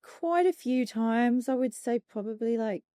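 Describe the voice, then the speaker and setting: A woman's voice: fairly high pitch, measured pace, warm tone, no room sound, studio quality. A woman co-hosting a podcast, easygoing and rambling in casual chat. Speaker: podcast co-host.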